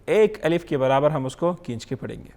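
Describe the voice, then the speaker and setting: A man teaching Quran recitation in an online lesson, drawing out each letter sound slowly and checking in often with short questions. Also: fairly high pitch, expressive, dark tone.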